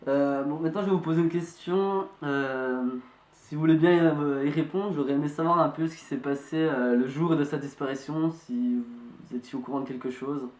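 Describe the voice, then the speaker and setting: Speaking in a fairly high, somewhat mellow voice, a young man plays a polite, hesitant but insistent amateur investigator presenting a video. He asks his questions haltingly, like a tentative phone inquiry, with light acting. An echoey room surrounds the recording.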